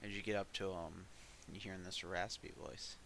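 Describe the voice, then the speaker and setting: A man's voice: low-pitched, steady tone, normal speed, vocal fry, a bit bright. A man narrating a tabletop fantasy game as game master, improvising the scene as he goes. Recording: faint hiss.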